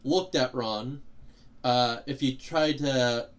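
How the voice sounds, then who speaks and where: A man's voice: mid-range voice, slow pace. A young man streaming a game, explaining its mechanics in a rambling way with lots of fillers and restarts, hiccuping now and then. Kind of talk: casual gameplay commentary.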